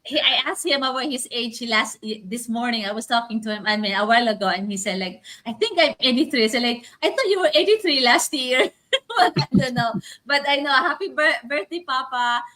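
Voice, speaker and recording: A woman's voice: a little high, brisk. A woman from the Philippines co-hosting a talk show, chatty and laughing easily. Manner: giggly, lively, chatty. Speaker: co-host.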